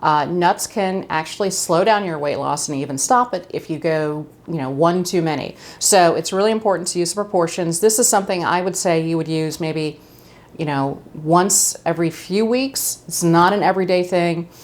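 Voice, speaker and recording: Middle-aged woman, lowish voice, chatty cooking host with a casual, friendly home-kitchen delivery. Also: moderate pace. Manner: chatty, friendly, with fillers and asides.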